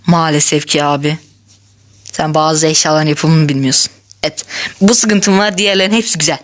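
A woman hosting a gaming channel, giving chatty, excitable gameplay commentary, laughing often and talking straight to her viewers. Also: deep voice, moderate pace.

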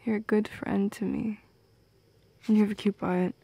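A young woman performs a shy goth girl in ASMR roleplay, soft, mellow and breathy, drifting into whispers, hesitant and teasing with halting small laughs. Her medium pitch barely moves, the mood tender and nervous, recorded on a close mic in a dry space with no room sound.

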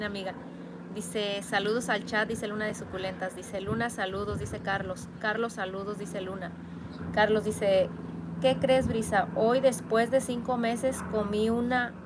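A woman's voice: medium pitch, background noise. A woman hosting a casual live stream, reading viewers' comments aloud and teasing them playfully. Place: home garden workspace.

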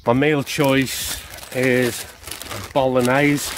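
A man's voice: medium pitch, little pitch movement, drawn-out words, a little hiss or hum. A man in his fifties, outdoors in a wood, chattily explaining his camping stove gear to a close handheld camera. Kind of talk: casual product demonstration. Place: woodland outdoors beside a hammock.

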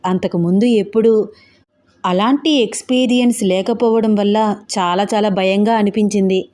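A woman reads an audio novel at a middle pitch, with steady, even storytelling. Her narration is scripted and carries the story along. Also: moderate pace.

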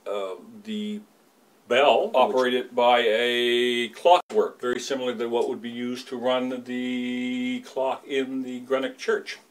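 A Canadian man in his fifties, a lighthouse keeper's son, calmly explaining and reminiscing in a small indoor room. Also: mid-range voice. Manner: measured, explanatory. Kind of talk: casual demonstration and reminiscence.

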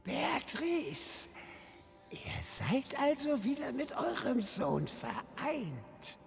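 An actor playing a sinister, grandiose old high clergyman in a video game, with a gravelly, theatrical, menacing delivery. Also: sing-song, exaggerated voice. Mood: quietly menacing. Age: older. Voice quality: gravelly, breathy at times. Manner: menacing, theatrical, slow and deliberate. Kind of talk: dramatic video game acting. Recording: loud dramatic music behind.

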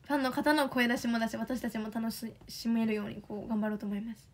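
A young woman with a Kansai accent, chatting excitedly on a livestream as an idol, reading fan comments. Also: fairly high pitch. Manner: chatty, excitable, quick bursts of enthusiasm.

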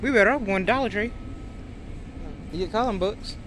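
A woman with a medium-pitched voice talks a little fast while vlogging casually during a shopping trip. The family vlog chat is full of ums and hesitations, captured on a noisy phone recording.

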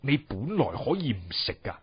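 A man voicing a sorrowful, guilt-ridden male scholar-official in a dramatic told story, husky and sighing. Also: medium pitch, big pitch swings, normal speed. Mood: sorrowful, guilty. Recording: dull, roomy recording with music.

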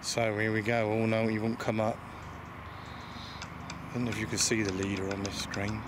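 Angler behind the camera, teasing banter, lakeside noise. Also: male voice, on the low side, little pitch movement, moderate pace. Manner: joking, teasing, swears freely. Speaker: angler filming his friend. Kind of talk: casual banter while filming. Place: lakeside outdoors. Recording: outdoor ambience and water noise.

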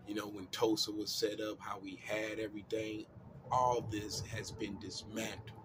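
Speaking at a moderate pace in a lowish, flat voice, this American man hosts a casual religious discussion show about scripture and history. He's loose and repetitive, drawing listeners in with "come on in, man," and turns loud and emphatic when recounting history. The background is noisy.

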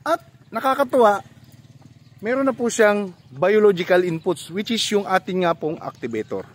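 A man hosting a farming vlog, chatting casually as he walks viewers through farm equipment and often checks in with a quick question tag. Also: high-pitched, lively intonation, a little hiss or hum. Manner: chatty, explains step by step, often tags "no?". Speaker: farming vlogger and host. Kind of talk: casual walk-through commentary.

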